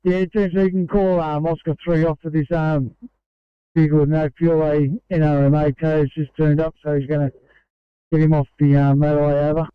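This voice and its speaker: A man calls in over a tinny two-way radio broken by static bursts. His voice sits a little high and stays flat, with a clear, clean tone. He talks in clipped patrol-radio phrases, pausing and filling gaps as he goes. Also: no echo. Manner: halting, with fillers between phrases.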